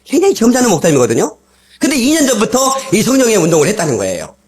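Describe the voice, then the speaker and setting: High-pitched and racing, a male pastor's voice comes through with a little hiss or hum from an old cassette recording made in a church sanctuary. He shares personal testimony in animated stories, laughing often and imitating the voices of those he quotes.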